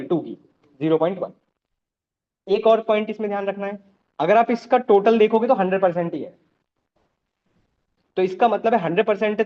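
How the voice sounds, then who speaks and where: A man's voice: high voice, highs cut off. A man teaching a live programming class, explaining step by step and often checking that the students follow.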